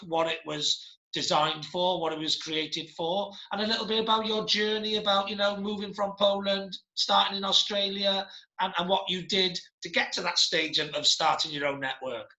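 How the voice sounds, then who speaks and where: Middle-aged male host, chatty and rambling, sharp bright tone, echoey video call. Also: high-pitched, steady tone, moderate pace. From Wales. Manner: chatty, rambling with many restarts. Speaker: podcast host. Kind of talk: casual interview chat. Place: home office.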